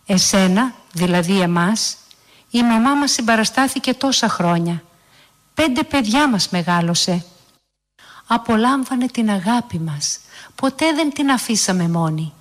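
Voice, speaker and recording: A woman reads as a patient middle-aged mother in a family story who speaks softly and soothingly. The voice stays close to the reader's own. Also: mid-range voice, expressive, natural voice. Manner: soothing, gentle.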